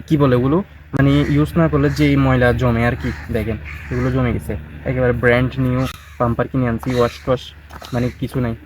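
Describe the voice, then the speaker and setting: This is a low-quality recording with a little background noise: a medium-pitched man chatting to his viewers in a casual vlog from his backyard by a pond. Slightly tired from washing his bike, he rambles along and keeps his voice down so the neighbours can't overhear.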